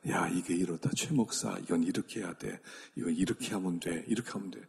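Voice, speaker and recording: A man voicing God as a stern, fatherly male voice, speaking low and hushed, gently scolding. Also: fairly quick, heavily acted. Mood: instructing. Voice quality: raspy and gravelly. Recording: long reverb of a large hall.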